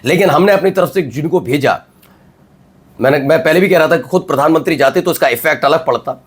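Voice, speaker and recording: A man hosting a news commentary show, emphatic and full of rhetorical questions and drawn-out pauses. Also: on the high side, breathy edge. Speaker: news anchor.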